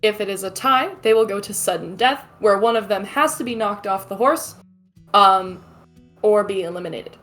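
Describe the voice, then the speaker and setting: A woman's voice: medium pitch, normal speed, a bit bright, soft background music. A woman narrating as game master of a tabletop game, loose and profane, often laughing.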